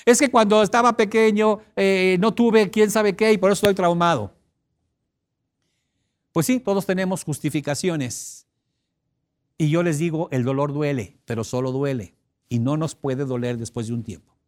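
A man's voice: a little high, a little mellow. Emphatic Mexican man giving a seminar. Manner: emphatic, asks the audience rhetorical questions. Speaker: motivational speaker. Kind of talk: seminar talk.

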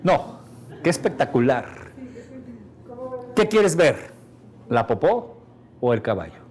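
A man's voice: medium pitch, takes it slowly. A man with a Mexican accent giving a motivational course, telling stories and often asking the audience whether they follow him. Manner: animated, storytelling, asks the audience questions. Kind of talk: motivational seminar talk.

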